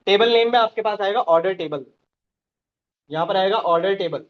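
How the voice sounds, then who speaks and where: Man, high voice, step-by-step teaching, muffled lo-fi sound. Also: brisk. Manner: step-by-step, checks in with students. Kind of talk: live online class instruction.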